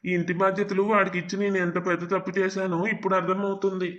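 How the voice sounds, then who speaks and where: A man's voice: sits high, level tone, quick pace, a bit bright, lo-fi sound. A man voicing a worried, proud elderly village father in a cartoon family drama, speaking sternly with authority. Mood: hurt, stern.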